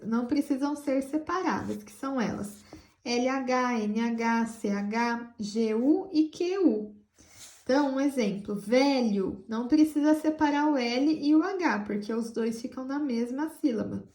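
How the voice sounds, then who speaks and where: A Brazilian woman teaching children in a patient, affectionate way, slowing down to sound out words. Her voice sits high and bright. The room around her rings with echo. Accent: Brazilian Portuguese. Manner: patient, explains slowly, spells out words; affectionate toward pupils. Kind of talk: school lesson for children.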